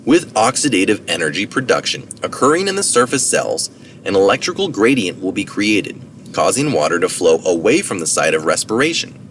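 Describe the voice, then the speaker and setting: Captured on a distant mic with noticeable background noise, a man narrates a science article in a fairly low, slightly bright voice with big pitch swings. He reads fairly quickly, tossing in informal citation asides and the odd self-correction.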